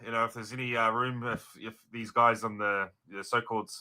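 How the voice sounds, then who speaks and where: A man with a New Zealand accent talks casually as an interview guest. His voice sits fairly low but is strikingly bright and forceful, and he phrases things loosely with hesitations and slang. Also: level tone, a little fast. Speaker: racing driver guest.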